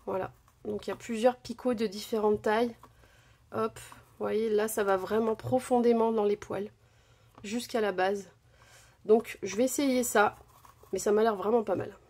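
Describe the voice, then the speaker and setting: Her medium-pitched, slightly mellow voice stays fairly even at a moderate pace, broken by long pauses. The crafting host shows off her craft purchases from her home desk in a casual haul vlog, chatting with many fillers and self-corrections.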